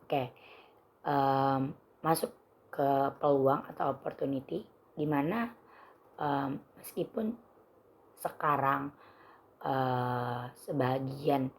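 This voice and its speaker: A young woman with a hoarse voice, giving a formal, careful prepared student presentation. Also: extremely low pitch, slow, pauses often. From Indonesia. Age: young adult.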